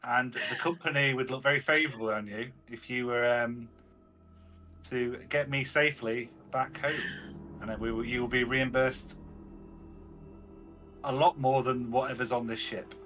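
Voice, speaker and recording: A man's voice: medium pitch, fairly even intonation, moderate pace, pauses often, pushed and bright, soft background music. A man playing a tabletop game, bantering and stumbling over his words. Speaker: player. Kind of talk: tabletop role-play.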